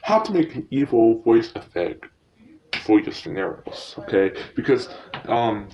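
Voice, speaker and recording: A man hosts a casual screen tutorial, walking through each step informally and with some hesitation. His mid-range voice swings widely in pitch at a measured pace. The lo-fi mic sounds muffled, with loud noise and clicks.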